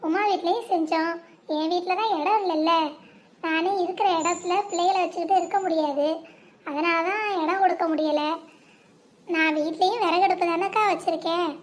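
A performer voicing a humble, grateful young village woman who talks meekly. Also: extremely high pitch.

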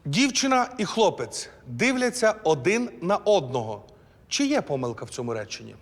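A man's voice: fairly high pitch, sing-song, moderate pace, big-room sound. A man hosting a language quiz show in a playful, teasing way. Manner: teasing, jokey.

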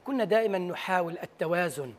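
A man in his forties with a Palestinian accent, giving a serious interview account as a journalist, often halting to search for words. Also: high voice, expressive. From Gaza. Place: large TV news studio. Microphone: lapel.

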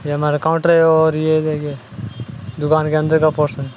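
Filming on a handheld phone, this young man gives a casual daily vlog tour from home to his workplace, a sari shop, moving between indoors and outdoors like a plain tour guide. His slightly high, slightly mellow voice is completely flat and moderately paced. The audio is poor, with slight background noise.

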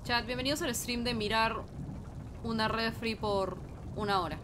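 A woman's voice: fairly high pitch, normal speed, noisy background. A woman doing casual, playful live commentary as a horror game streamer, talking to chat and to the game, exclaiming when startled.

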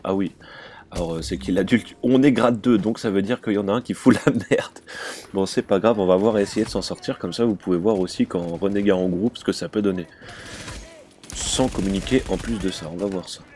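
A French gaming channel host with a low voice gives relaxed, chatty let's-play commentary on a game. He hesitates a lot but keeps things loose and friendly. Faint hiss sits beneath his gaming mic.

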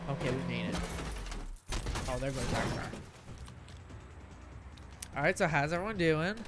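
Brief: young male let's-play host, slow and chatty, game noise underneath. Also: on the high side, animated. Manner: chatty, reactive, keeps saying "oh man" and laughing. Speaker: gaming commentator. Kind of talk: casual let's-play commentary.

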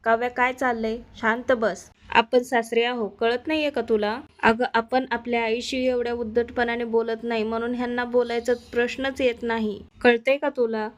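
A woman's voice: a little high, little pitch movement, normal speed, natural voice. A woman voicing a stern elder sister who firmly scolds her younger sibling. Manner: scolding, firm.

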